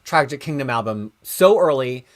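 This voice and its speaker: A man's voice: mid-range voice, lively intonation, normal speed. A man co-hosting a show in casual chat, thinking aloud and often breaking off to restart his sentences. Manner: rambling, self-interrupting, thinking aloud. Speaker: show co-host.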